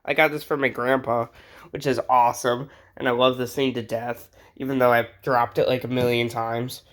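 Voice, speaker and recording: Chatting off the cuff in a bedroom, this American vlogger walks viewers through his radio collection, joking around and drifting from topic to topic. The mid-pitched voice stays level, moves at a moderate pace and has a slightly bright quality.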